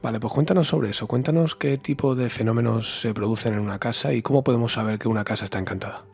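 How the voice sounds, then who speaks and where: A man with a Spanish accent hosts an interview, asking his questions quickly and in a friendly way. His voice sits at an ordinary middle pitch, and faint music plays behind him. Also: vocal fry, darkish tone, slightly rough. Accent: Spanish from Spain. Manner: brisk, friendly questioning with restarts. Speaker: radio show host.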